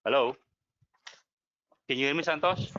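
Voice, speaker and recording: Male presenter, call dropping out, checks if he is heard, bright edgy tone, dull lo-fi dry audio. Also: medium pitch, normal speed. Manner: repeatedly checking if he can be heard. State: calling out over a call that keeps dropping out. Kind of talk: online webinar presentation.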